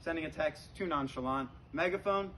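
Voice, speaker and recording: A man does stand-up comedy, telling stories conversationally to a live audience that laughs along, acting out dialogue and saying "you know" a lot. His voice is a little high, brisk, pushed and bright. The live recording is noisy, with room ambience.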